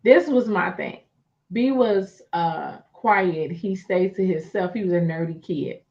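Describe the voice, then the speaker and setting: A woman's voice: on the low side, unhurried, darkish tone, muffled recording. A woman hosting a motivational talk. She speaks emphatically, repeats her points and talks to her listeners as y'all. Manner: emphatic and repetitive, conversational, addresses listeners as y'all.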